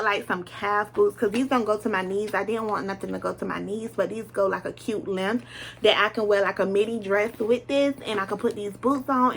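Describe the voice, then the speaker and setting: A woman's voice: medium pitch, fairly bright tone, a little hiss or hum. A woman in her late twenties from the US South with a Southern accent, chatting casually to camera from her bedroom floor in a scattered, friendly way. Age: 20s. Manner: chatty, scattered, talks straight to viewers. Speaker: vlogger.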